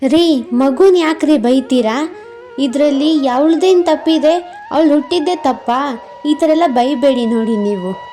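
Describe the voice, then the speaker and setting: A woman voicing a gentle middle-aged mother in a cartoon story, pleading with her husband. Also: high voice, measured pace, faint music behind.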